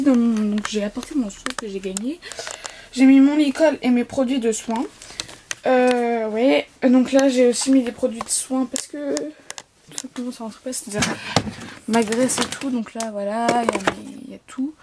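A teenage girl vlogging casually at home, rambling with lots of fillers and restarts, her voice slightly hoarse. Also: fairly high pitch, noisy background. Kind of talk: casual vlog chat.

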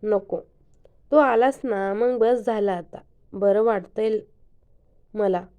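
A weary, loving middle-aged mother who speaks gently and wants her son near, as a woman narrator puts her on. The tone is deep-toned and mellow, soft rather than lively. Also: slow, smooth, lightly acted. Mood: gentle.

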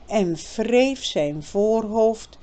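A woman narrates a storybook slowly and carefully. Her pitch rises and falls with lively expression. The reading is measured and clear. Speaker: audiobook reader.

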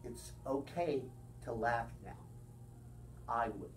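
Middle-aged male poet, unhurried wry reading at a bookstore open mic, heard from across the room. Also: mid-range voice, animated. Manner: slow, deliberate reading with wry asides. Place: bookstore room with small audience. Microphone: far camera. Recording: distant, faint room noise.

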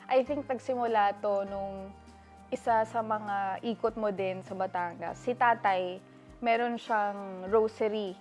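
A woman co-hosting a casual chat who recounts stories warmly and backs her partner up with short agreeing words. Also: medium pitch, fairly even intonation, slow pace, soft background music.

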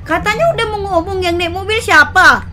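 A woman in a game roleplay, calmly lecturing and scolding a friend. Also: very high voice, a little fast. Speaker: roleplay gamer. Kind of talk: in-character game roleplay chat.

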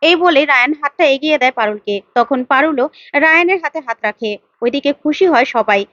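A woman's voice: high voice, lively intonation, brisk, a bit bright, no room sound, highs cut off. A woman retelling a TV serial episode in plain storytelling narration.

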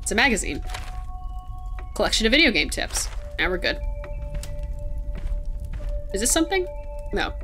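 Lively woman streamer playing a game. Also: mid-range voice, normal speed, pauses often, music in the background. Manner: reads in-game notes aloud, chats with chat. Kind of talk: let's play commentary.

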